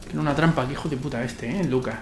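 A man with a Spain accent and a gravelly, medium-pitched voice gives casual game commentary. He mutters and swears as he goes, in an echoey sound with music behind. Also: quick pace, a little hiss or hum. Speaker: gaming streamer. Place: indoor room at home.

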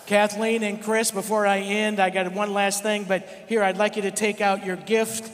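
Middle-aged guy on a church stage, playful and emphatic, kinda high voice, big hall reverb. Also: flat delivery, moderate pace. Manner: playful teasing, emphatic, emotional. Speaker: church member giving tribute. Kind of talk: joking then heartfelt tribute speech. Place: large church auditorium with live audience. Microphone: handheld mic, standing on stage.

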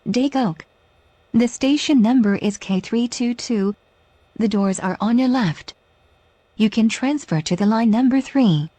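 A woman's mellow voice gives a recorded train station announcement at a very slow, measured pace. The sound is dry and close, with each word set apart formally. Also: a little high, dry recording. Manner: formal, deliberate, clearly spaced words.

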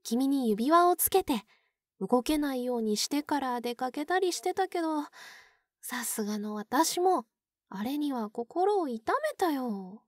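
An obsessive yandere older-sister figure, acted by a woman in an ASMR role-play. The voice is extremely high and takes its time, coaxing and cooing with sweet possessiveness. It sounds close and dry, as if doting on a captive pet. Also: animated, unhurried, no room sound. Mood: fond, menacing.

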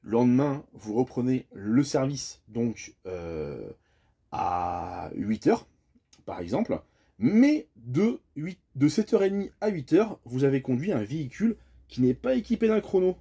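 A man's voice: medium pitch, very animated, measured pace, mellow, husky. A man from France casually explaining, step by step, how a piece of driving equipment works, chatty and full of hesitations. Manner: friendly, chatty, hesitant with many fillers. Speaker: bus driver explaining a tachograph.

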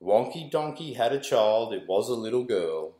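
With big swings in pitch and a warm, mid-range voice, a male school staff member in his forties reads rhymes from a picture book to children at a moderate pace. The delivery is sing-song and rhythmic, echoing around a small room with bare walls.

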